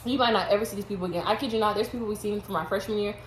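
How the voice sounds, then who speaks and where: A woman's voice: medium pitch, very fast. A young woman from Houston talks in a laid-back, candid way with easy laughs. Her voice rings in a roomy space with a faint hum of ambience behind her. She sounds like a college sophomore chatting with a friend on camera. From Houston, Texas. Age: young adult. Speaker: vlogger. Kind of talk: casual chat.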